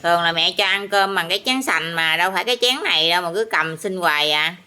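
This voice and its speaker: A woman's voice: fairly low pitch, expressive, fast talker, sharp tone, clean tone. A woman with a Southern Vietnamese accent talking to her pet parrot, teasing it and asking it questions over and over. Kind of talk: casual talk to a pet.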